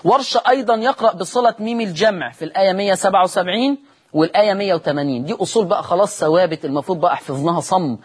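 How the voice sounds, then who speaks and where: A man with an Egyptian accent teaching Quran recitation in a televised lesson. He poses questions aloud, answers them himself, and chants the example words slowly and drawn out. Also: sits high, husky. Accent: Egyptian Arabic.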